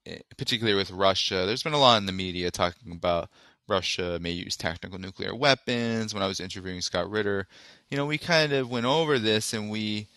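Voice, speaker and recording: Male call-in podcast host; bright, lowish voice, dry sound, loose unscripted delivery. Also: no echo. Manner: casual, thinking aloud with fillers.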